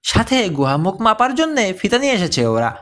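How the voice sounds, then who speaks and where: A man's voice: sits high, sing-song, moderate pace, a bit bright. A man narrating an adventure story, reading every character's lines in his own voice. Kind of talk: scripted audiobook narration.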